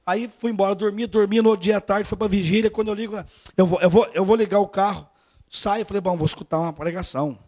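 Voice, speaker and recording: High-voiced Brazilian male preacher. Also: fast talker. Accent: Brazilian Portuguese. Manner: animated, swings from hushed asides to loud urging. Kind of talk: storytelling sermon. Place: church service.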